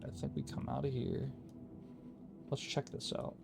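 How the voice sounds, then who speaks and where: A man's voice: medium pitch, little pitch movement, measured pace, creaky, music in the background. A man giving casual gameplay commentary, thinking aloud and muttering to himself as he plays. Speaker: gaming YouTuber.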